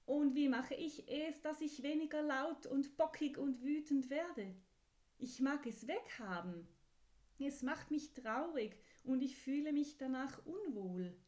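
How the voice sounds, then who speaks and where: A woman voicing an earnest young horse in a children's story, speaking higher and louder than her narration in a pleading way. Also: measured pace. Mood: plaintive.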